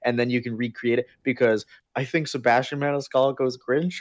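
A man's voice: medium pitch, brisk, no room sound, studio quality. A man co-hosting a casual comedic chat, rambling with restarts and joking around. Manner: rambling, restarts mid-sentence, jokey and animated. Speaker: podcast co-host.

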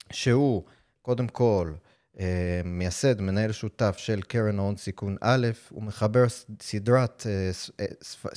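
A man, a native English speaker with an American accent, hosting a podcast interview in a halting way, with frequent drawn-out hesitations. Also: on the low side, darkish tone. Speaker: podcast host.

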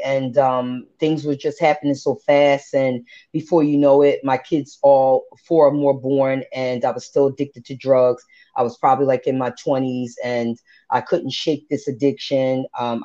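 A woman in her forties, with a very deep and warm voice, candidly and earnestly shares her personal faith testimony using religious phrasing. The podcast audio sounds dull and lo-fi.

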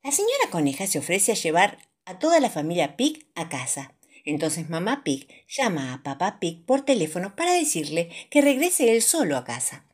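A woman with a Rioplatense accent reading children's stories aloud in an expressive, sing-song way. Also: on the low side, moderate pace, breathy edge. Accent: Rioplatense Spanish. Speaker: storyteller.

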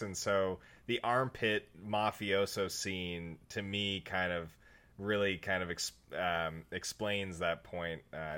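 A man co-hosting a film discussion in a casual, somewhat halting way. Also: sits low, bright, forceful tone, clean tone. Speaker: film podcast co-host. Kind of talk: casual chat.

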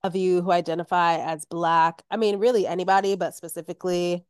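A woman in her thirties talking casually and candidly as a podcast guest while sick and slightly hoarse. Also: lowish voice, level tone, a little fast, no room sound, studio quality. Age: 30s. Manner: chatty, candid. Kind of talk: casual chat.

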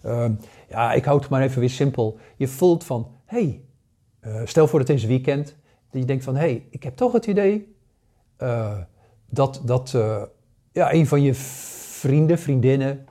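Speaking at a measured pace with a medium pitch, a paranormal course teacher in his sixties delivers an informal lesson. His mellow, warm voice is full of hesitations, fillers and false starts.

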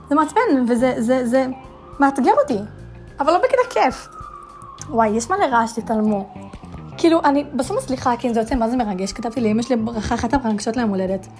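A woman's voice: a little high, lively intonation, pauses often, darkish tone, faint music behind. A young woman hosting a casual solo podcast, chatty and full of fillers, piling up dramatic rhetorical questions. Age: young adult. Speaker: podcast host.

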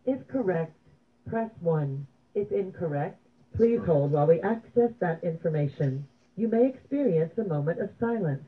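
A woman's recorded voice reading automated phone menu prompts in an even, measured way. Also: fairly low pitch. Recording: tinny phone line.

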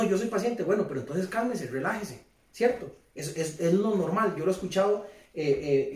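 Picked up by a distant microphone in a roomy space, this preacher talks to his congregation in a conversational style, asking them question after question and saying phrases more than once. His voice is high with a somewhat dark tone.

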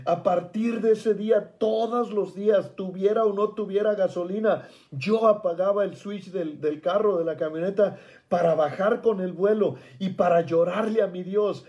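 Fervent high-voiced man preaching. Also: fairly even intonation, moderate pace, warm tone, dull audio. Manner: fervent, emotional, repeating phrases in prayer. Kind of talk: sermon with personal testimony.

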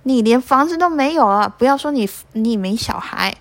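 A woman's voice: on the high side, expressive, moderate pace, no room sound, voice pushed up, lightly acted. A woman voicing arrogant rich people in a courthouse in a children's story, haughty and threatening.

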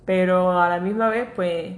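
A woman's voice: lowish voice, fairly even intonation, a little slow. A woman co-hosting a podcast in casual chat, telling her story with animation and laughs, and now and then mixing in English words. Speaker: podcast co-host. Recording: roomy echo.

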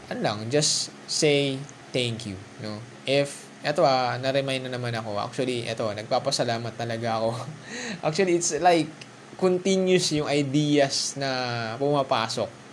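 A man at a mid-range pitch talks casually and encouragingly, often turning to the listener with little asides. He mixes Tagalog and English as he goes, alone in his room with a faint hiss of noise behind him. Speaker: vlogger. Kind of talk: casual motivational monologue.

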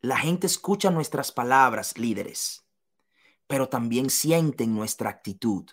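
A woman's voice: extremely low pitch, lively intonation, unhurried, breathy edge. A woman giving a motivational seminar talk to business leaders, emphatic and repeating key phrases to the listener.

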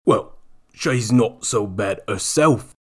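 A man voicing an oily, scarred old sailor with a rough working-class dialect. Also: on the low side, expressive, slow pace, pitched above the performer's own voice, exaggerated voice.

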